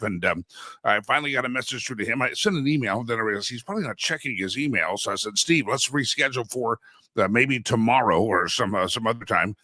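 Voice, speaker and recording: With a head cold leaving him stuffy and a little sore, a man hosts a laid-back political talk show, chatting folksily and wandering into asides. His voice is medium-pitched with a sharp tone, recorded on a studio mic with no echo.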